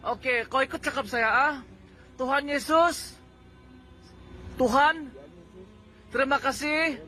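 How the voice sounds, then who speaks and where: A woman preacher coaxes a listener through a prayer, step by step. Her voice is very high and bright, and faint music sits underneath. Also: slow. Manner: coaxing, instructive. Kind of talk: evangelizing, leading a prayer.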